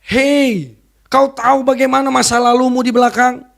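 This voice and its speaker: A woman's voice: high-pitched, little pitch movement, normal speed, vocal fry, voice pushed up. A woman voicing a scornful, taunting devil who hurls mocking, accusing questions in a sermon.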